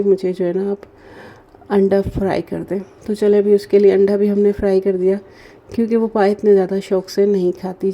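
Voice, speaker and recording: A woman, narrating her daily routine vlog slowly and gently because of a sore throat. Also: mid-range voice, highs cut off. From Pakistan. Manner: slow, gentle and chatty, with many fillers. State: sore throat, speaking softly. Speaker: vlogger. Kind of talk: casual voice-over narration.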